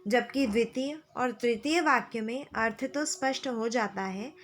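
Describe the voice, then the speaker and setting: A woman teacher explaining grammar to schoolchildren, slow and patient, repeating key phrases. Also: a little high, a bit bright, slight background noise. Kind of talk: classroom lesson explaining grammar.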